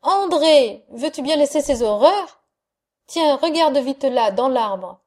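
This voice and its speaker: Femme lisant une jeune mère sévère. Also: female voice, high-pitched, expressive, slow, a little mellow, pitched above the performer's own voice. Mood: alarmed. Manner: curt, scolding. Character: young Parisian widow, stern mother.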